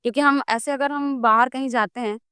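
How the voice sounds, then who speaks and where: A woman guest in a casual interview, telling a personal story in a lively way and acting out the dialogue. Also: high voice, a little fast, clear, resonant tone, no echo, studio quality. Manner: animated storytelling, acts out dialogue. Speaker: guest devotee.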